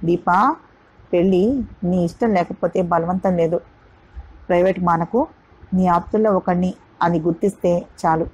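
A woman voicing an earnest young man pleading gently for a marriage, in a husky voice. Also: lowish voice, moderate pace, long pauses, highs cut off.

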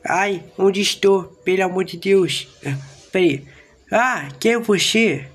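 A man voicing an excitable little boy who yelps and talks quickly in a raised voice. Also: sits high, voice pushed up. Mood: panicked.

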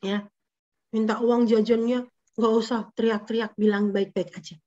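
Sunday school teacher lady, high bright voice, keeps asking the kids stuff, kinda muffled lo-fi sound. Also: normal speed. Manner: animated, coaxing, asks kids questions. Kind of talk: lively sermon for children. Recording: dull lo-fi recording.

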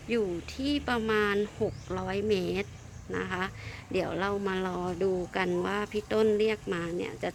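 A woman co-hosting a casual product demonstration outdoors. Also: mid-range voice. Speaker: co-host of a product test. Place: outdoors by a lake. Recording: clear outdoor ambient noise.

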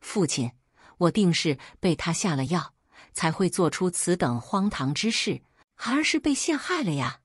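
A woman's voice: fairly low pitch, lively intonation, slightly rough, no room sound, studio quality. Woman voicing a panicked young nobleman. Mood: pleading. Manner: rushed, pleading mumbling.

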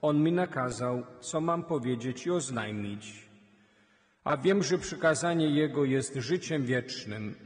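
A man, a priest reading the Gospel and leading the prayers at Mass in a steady liturgical way. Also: medium pitch. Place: large church. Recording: long church reverb.

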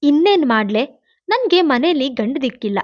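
Woman narrator voicing a fretful, sleepy mother, higher voice, dull dry audio. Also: very animated, moderate pace. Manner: fretful, complaining. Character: sleepy, worried widowed mother.

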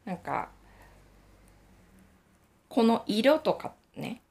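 Gravelly-voiced woman, chatty knitting talk. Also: a little high, sing-song, very slow, slight background noise. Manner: chatty, laughs often, soft and reflective. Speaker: knitting channel host. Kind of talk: casual radio-style talk.

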